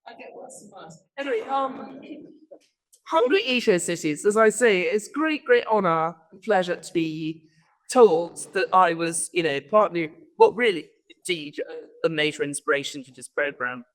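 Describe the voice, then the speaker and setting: In a big event hall with a long reverb tail, a guest speaker delivers a casual conference talk. Her voice is on the low side and animated at normal speed, and she wanders through her stories, interrupting herself frequently.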